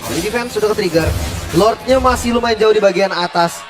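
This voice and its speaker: A man's voice: sits high, fairly quick. A man with an Indonesian accent giving live esports commentary in casual slang mixed with English gaming terms. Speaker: esports caster. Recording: loud music behind voice.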